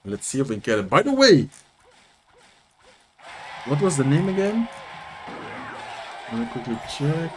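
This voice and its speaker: A young man with a Dutch accent speaks on the high side, a little slowly and with long pauses, against background noise. As a streamer and content creator, he chats casually and animatedly, commenting on matches and responding to his chat.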